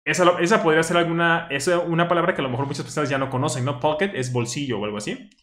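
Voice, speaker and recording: A man who stutters now and then, explaining a study deck in a relaxed, thinking-aloud way. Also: on the high side, very fast. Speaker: language teacher reviewing a study deck. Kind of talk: casual explanatory commentary. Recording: roomy echo.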